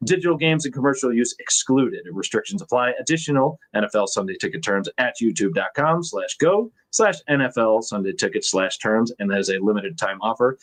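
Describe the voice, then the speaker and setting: A man hosting a podcast, reading a sponsor's gambling disclaimer in a deliberately stiff, flat, robot-like voice. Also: on the low side, low-quality recording. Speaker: podcast host.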